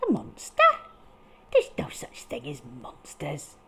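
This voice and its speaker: A woman voicing a brash, sceptical, excitable storybook rabbit who speaks in bold exclamations. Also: low voice, slow pace, slightly rough, voice pushed down, heavily acted.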